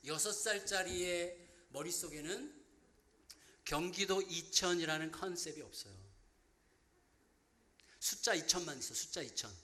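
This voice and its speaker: Lively, bright-voiced male pastor preaching. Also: sits high. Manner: animated, humorous storytelling with acted-out quotes. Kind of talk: sermon.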